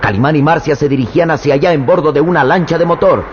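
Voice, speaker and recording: A narrator with a Mexican accent and a slightly high voice tells a scripted radio serial in a measured, dramatic way. The old recording is muffled, with steady noise behind him.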